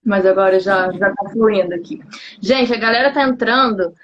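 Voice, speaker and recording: A woman's voice: medium pitch, moderate pace. Chatty woman hosting a live stream. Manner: chatty, relaxed, laughs easily. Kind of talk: casual chat. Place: at home. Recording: dull lo-fi sound with faint noise.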